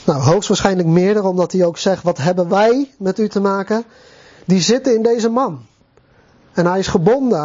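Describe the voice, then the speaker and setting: A man preaching a sermon to his congregation in a conversational way, with pauses and fillers, on a dull lo-fi recording. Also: sits high, dark tone, husky.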